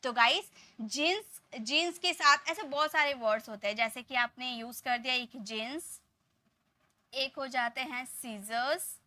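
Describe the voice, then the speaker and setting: A woman English teacher, explaining grammar patiently, asking questions and repeating example sentences slowly. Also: sits high, sharp tone, no echo. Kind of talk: Hindi-language grammar lesson.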